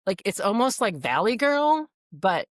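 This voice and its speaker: A middle-aged woman guest in a casual podcast chat, with a deep voice that gets her called sir on the phone, talking in a wry, grumbling way. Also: big pitch swings, measured pace, no echo, clean studio sound. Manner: wry, grumbling, self-deprecating.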